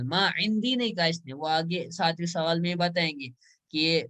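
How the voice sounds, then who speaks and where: A man teaching Arabic grammar in an online class. He explains step by step, says example words slowly, and often checks with "right?". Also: sits high, a bit bright.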